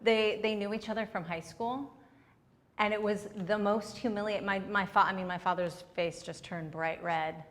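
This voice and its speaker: A woman's voice: mid-range voice, fairly even intonation, normal speed, in a large hall. A young adult woman, a comedian, giving candid, chatty answers in a casual interview.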